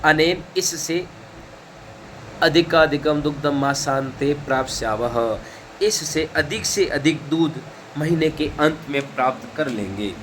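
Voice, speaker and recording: A man's voice: a little high, measured pace, a bit bright, a little hiss or hum. A man teaching a lesson, reading each phrase and then explaining it line by line. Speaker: Sanskrit teacher.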